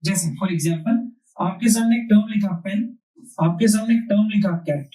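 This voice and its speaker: A man's voice: high voice, moderate pace, dark tone. A man teaching a grammar class. He repeats key points and asks questions that he then answers himself. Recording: roomy, distant mic.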